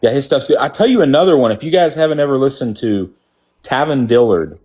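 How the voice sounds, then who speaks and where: A man's voice: medium pitch, animated, a little fast, darkish tone, slightly rough. A man from Texas with a mild Texan accent, hosting a casual group chat and telling rambling stories. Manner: rambling, storytelling with restarts.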